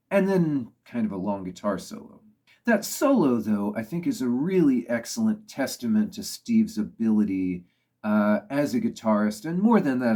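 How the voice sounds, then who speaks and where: Mellow, low-voiced man reviewing music. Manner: thoughtful, opinionated, with frequent "you know" fillers. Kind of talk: casual spoken commentary.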